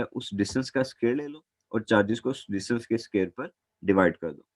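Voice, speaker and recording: A man's voice: medium pitch, darkish tone, no echo. A man teaching a physics lesson as a classroom lecture, patient and repeating points, calling his students "beta".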